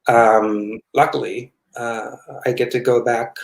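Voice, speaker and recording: A man from Halifax answers interview questions slowly over a video call. He halts and fills his pauses with ums and restarts as he talks. His voice carries an echoey room sound from his end of the call. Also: medium pitch, little pitch movement, vocal fry. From Halifax, Nova Scotia. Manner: hesitant, halting, full of fillers. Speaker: guest actor. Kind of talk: casual interview chat.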